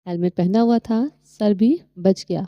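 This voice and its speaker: An injured young man speaks calmly with a playful edge, as a woman narrator puts him on. The voice is very dark and mellow. The recording is dry and a little dull. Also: medium pitch, no echo, natural voice. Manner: playful, calm. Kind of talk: audio novel reading.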